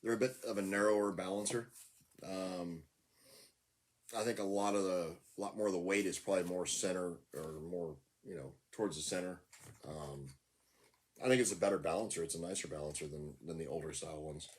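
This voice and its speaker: A man co-hosting a casual chat, easygoing and quick to laugh. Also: low voice. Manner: easygoing, brief backchannels, laughs at stories. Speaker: podcast co-host.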